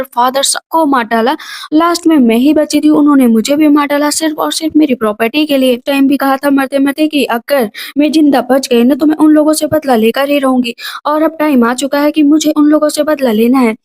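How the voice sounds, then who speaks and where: A woman's voice: sits high, a little mellow, close to an everyday voice. Woman voicing a young widow sworn to revenge.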